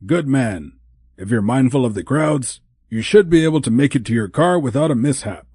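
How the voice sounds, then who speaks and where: A man voicing a small, brisk, cheerful male elf in an audiobook, with a chirpy, bossy manner. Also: mid-range voice, lively intonation, darkish tone, husky, no echo, studio quality, pitched above the performer's own voice. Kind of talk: audiobook character voice.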